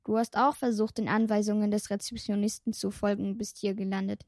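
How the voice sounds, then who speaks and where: A woman's voice: mid-range voice, level tone, brisk, a little mellow, no room sound, studio quality, lightly acted. A woman voicing a timid young female vampire from far away who talks hesitantly and stammers. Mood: earnest.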